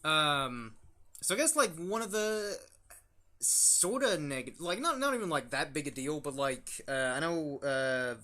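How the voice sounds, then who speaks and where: A man's voice: fairly high pitch, very animated, a little slow, sharp tone. A young man hosting a casual review chat, rambling with lots of fillers and restarts. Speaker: YouTube channel host.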